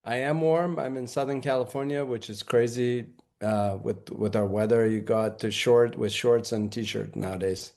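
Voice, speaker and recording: A man's voice: medium pitch, normal speed, vocal fry, hardly any pauses, darkish tone. A man from New York as a podcast guest, chatting casually and telling anecdotes.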